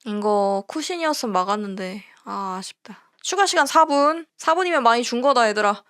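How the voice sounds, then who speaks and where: High voice lady doing a live soccer reaction stream, super emotional, swears a lot, yells at the team. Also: animated, fairly quick, clear, resonant tone, no room sound, studio quality. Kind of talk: live match reaction commentary.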